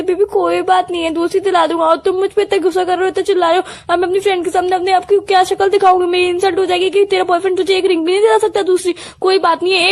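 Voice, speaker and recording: High, whiny young woman pleading fast. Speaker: girlfriend in a skit. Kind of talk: scripted comedy phone-call skit.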